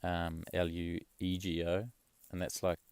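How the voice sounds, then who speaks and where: A young man talks in a very low, gravelly voice, loose and rambling, with casual swearing. The sound is close and dry, with no room around it. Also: completely flat delivery, measured pace, a little mellow, no room sound. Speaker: travel vlogger. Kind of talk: casual chat.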